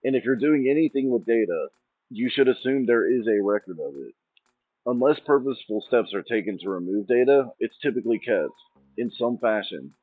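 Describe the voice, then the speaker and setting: A man's voice: mid-range voice, lively intonation, brisk, no room sound. A man hosting his own channel, talking in an informal, meandering ramble that restarts thoughts mid-sentence. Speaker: channel host. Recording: tinny phone-like sound, dry, faint music.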